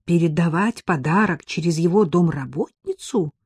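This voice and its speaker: A woman's voice: lowish voice, moderate pace, a little mellow, slightly rough, dry recording, studio quality. A woman voicing an impulsive, wealthy young woman who pleads and coaxes, then turns defiant, in an audiobook. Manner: pleading and coaxing, flares up defiantly.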